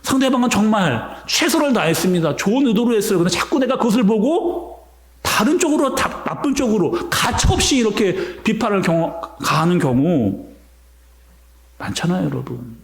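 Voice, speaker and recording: A man's voice: high voice, very animated, normal speed, roomy sound. A man, a senior pastor, preaching a sermon in a church sanctuary, telling stories and addressing the congregation directly.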